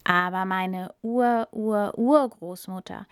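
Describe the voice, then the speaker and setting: A woman's voice: mid-range voice, slow pace, clean tone, no room sound, clean studio sound, lightly acted. A woman voicing a very young, earnest tortoise in a storybook reading.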